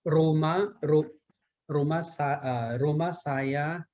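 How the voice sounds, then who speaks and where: Halting Thai man, muffled video call. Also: fairly high pitch, fairly even intonation, background noise. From Thailand. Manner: hesitant, halting answers. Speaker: student.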